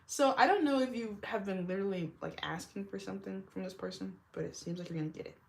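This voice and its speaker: A young woman with a deep, smoky voice, which she blames on years of smoking, gives a loose, rambling tarot reading for a casual vlog. She talks fast in a creaky voice, laughs often, fills sentences with "like," and trails off mid-thought, all on poor-quality audio.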